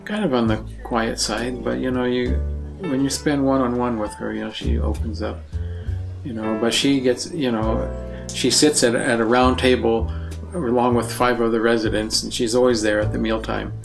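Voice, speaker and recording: A man's voice: mid-range voice, steady tone, normal speed, gravelly, music in the background. A man who cares for an elderly woman, speaking hesitantly with many fillers in a documentary interview. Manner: hesitant, full of "you know" fillers. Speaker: caregiver.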